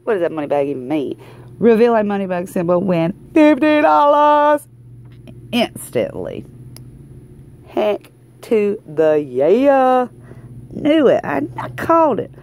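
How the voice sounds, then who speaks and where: A woman's voice: mid-range voice, big pitch swings, unhurried, pauses often, a little mellow. A woman with a Southern US accent chatting casually and exuberantly as a video host, folksy and often repeating phrases for emphasis. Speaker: lottery scratch-off video host. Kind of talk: casual excited vlog chat. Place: indoors at a tabletop, hands-only shot.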